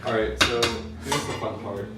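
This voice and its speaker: A man's voice: lowish voice, moderate pace. A man hosting a casual cooking video in a loose, giggly, tipsy ramble with offhand swearing. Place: indoor kitchen. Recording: echoey kitchen, far from mic, background music. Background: music, clattering pots and pans.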